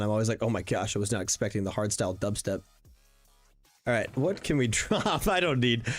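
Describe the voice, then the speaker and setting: A young man thinking aloud while streaming a block-building game, chatty and full of fillers, answering viewers as he plays. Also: fairly low pitch. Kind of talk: casual live-stream gameplay commentary. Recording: faint background music under the voice.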